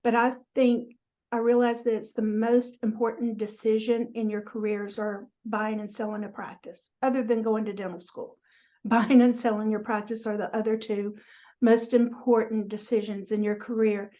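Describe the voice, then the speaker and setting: A woman's voice: on the high side, level tone, normal speed, warm tone, muffled recording. A middle-aged woman with a Southern US accent, chatting as an interview guest on a video call. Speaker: guest, practice transition advisor. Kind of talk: casual interview chat.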